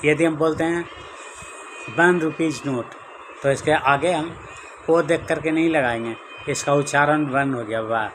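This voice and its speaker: A man gives an English grammar lesson, repeating every example slowly and patiently. His voice sits a little higher than most men's, and his pace is unhurried. Steady background noise runs under the recording. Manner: slow, repetitive explaining with drawn-out examples. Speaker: English teacher. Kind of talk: Hindi-language grammar lesson.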